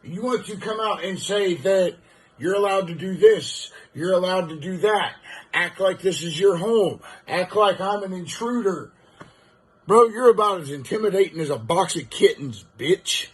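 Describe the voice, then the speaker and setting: Husky high-voiced man cutting a wrestling promo. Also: animated, moderate pace. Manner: boastful, cocky, profane insults. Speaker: online wrestling promo cutter. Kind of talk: trash-talking wrestling promo.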